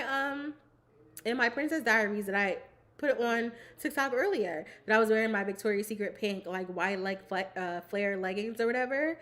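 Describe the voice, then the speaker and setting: A bubbly young woman with a fairly high, fairly bright voice hosts a live stream, chatting casually with viewers while she snacks. She giggles often and fills her speech with "like."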